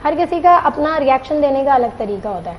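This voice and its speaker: Woman doctor on a talk show, high voice, says it straight, bit muffled. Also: lively intonation, slight background noise. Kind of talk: casual chat.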